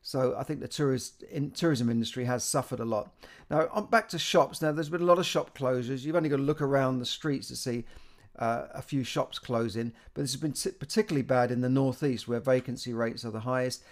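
Halting British man musing on the news. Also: mid-range voice. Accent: British English. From Britain. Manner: halting, many restarts and repeated words. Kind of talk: casual spoken commentary on economic news.

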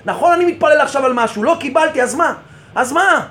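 A rabbi giving an impassioned sermon, asking rhetorical questions and repeating phrases for emphasis. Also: male voice, extremely high pitch, lively intonation, bright, forceful tone.

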